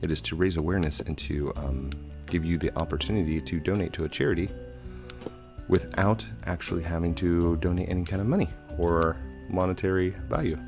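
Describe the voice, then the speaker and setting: Talking fairly quickly over soft background music, a gaming channel host in his thirties meanders through let's play commentary full of ums and chatter. His low voice is a bit hoarse and stuffy from a head cold, captured on a headset mic at home.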